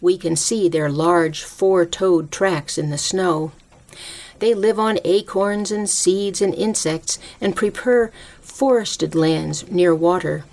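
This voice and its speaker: A woman reading a scripted, reflective nature essay as a host, in a measured, carefully enunciated nature-documentary style. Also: lowish voice, darkish tone. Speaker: host of a short spoken-essay program.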